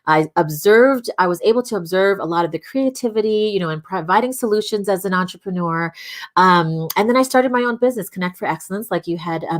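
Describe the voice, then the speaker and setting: A middle-aged woman from Hawaii speaks over a video call with a slightly low voice. She answers questions thoughtfully, often pausing with fillers and restarting her sentences. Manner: reflective, many fillers and restarts. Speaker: guest, audiologist. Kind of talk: casual interview conversation.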